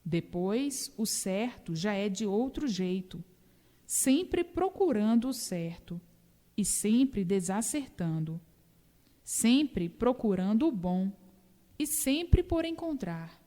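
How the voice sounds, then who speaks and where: A woman reading a doctrinal book aloud in a measured, repetitive preaching cadence. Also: mid-range voice, very animated, dark tone. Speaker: reader. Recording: long reverb.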